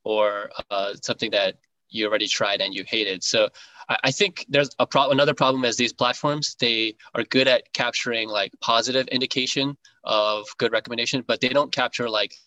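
Bright-voiced man, dry close sound. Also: on the low side, brisk, dry recording, rough recording. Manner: hesitant, many fillers like "like" and "you know". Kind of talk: casual podcast conversation.

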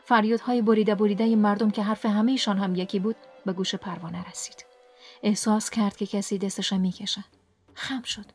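A woman hosting a book podcast, reading a story aloud in an expressive way and sinking to a whisper in sad parts. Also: mid-range voice, faint music behind. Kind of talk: scripted audiobook narration.

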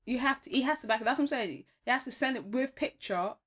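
A woman's voice: sits high, animated, fast talker, fairly bright tone. A young woman with a London accent chatting casually, with slangy and emphatic reactions. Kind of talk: casual chat.

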